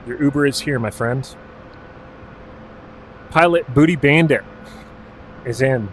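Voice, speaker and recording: A man from Alaska streams a game, chatting casually with viewers, calling out commands, and swearing now and then. His medium-pitched voice moves slowly, and the rough recording carries a faint hiss or hum.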